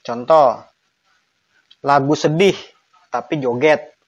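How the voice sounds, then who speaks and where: A man's voice: medium pitch, slow, slightly rough, no room sound. A man giving a conversational online lesson on Quran grammar, emphatic and acting out intonation examples.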